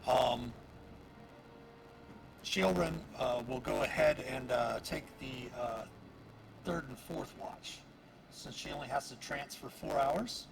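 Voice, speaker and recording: A man with a gravelly, creaky voice narrates as dungeon master of a tabletop game. He talks in halting runs full of fillers, and steady noise sits under the stream audio. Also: mid-range voice.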